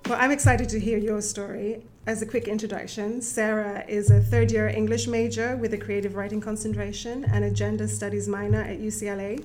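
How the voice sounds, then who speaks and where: A woman hosting an interview, giving a formal introduction and asking questions in a steady, measured way. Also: medium pitch, soft background music. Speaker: interview host introducing a guest.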